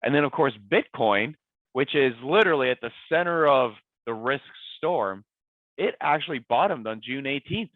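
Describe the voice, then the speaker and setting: A man with a raspy voice, hoarse from a cold, presenting a weekly investment market update as an adviser, laying out his points emphatically and repeating key words. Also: medium pitch, animated, normal speed, no room sound. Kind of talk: scripted-feeling market commentary presentation. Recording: dry, tinny phone-like sound.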